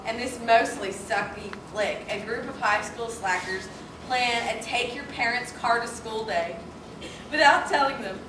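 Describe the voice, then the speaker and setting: Woman playing a gushing teen girl critic, slangy, high voice, noisy echoey stage. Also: unhurried, recorded from a distance, close to an everyday voice.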